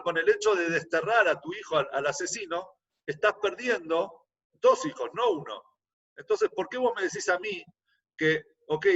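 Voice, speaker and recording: A fairly high-voiced man with an Argentine accent teaches a Bible class, reading a verse and then restating it simply. He stumbles and repeats words as he thinks. The recording is muffled, and he sounds some distance from the mic. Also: fairly bright tone. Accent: Argentine Spanish. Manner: reads a verse, then explains it in plain everyday words; halting, repeats words as he searches. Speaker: Torah teacher.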